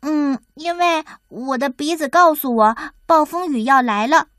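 A woman voicing a gentle little female mole who stammers and cannot see well. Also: sits high, unhurried, no room sound, clean studio sound. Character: little female mole, poor-sighted, sharp-nosed, gentle.

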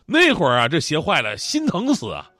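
A man's voice: fairly high pitch, a little fast, no room sound. A man, hosting and telling funny stories lots of laughter. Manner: animated, joking, laughing often. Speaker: host. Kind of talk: comedic storytelling.

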